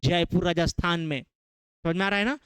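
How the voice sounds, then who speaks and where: High-voiced male teacher, dry and clear. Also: fairly even intonation, a little fast, fairly bright tone, no room sound. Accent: Bihari Hindi. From Bihar. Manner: asks the class questions and repeats key terms. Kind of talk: classroom lecture.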